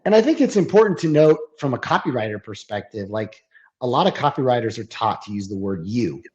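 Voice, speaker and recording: A man's voice: medium pitch, big pitch swings, fairly quick, dull audio. Chatty man on a video call. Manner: chatty, with many fillers and repeated words. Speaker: creative strategy manager, guest. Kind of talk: casual webinar conversation. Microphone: video call microphone.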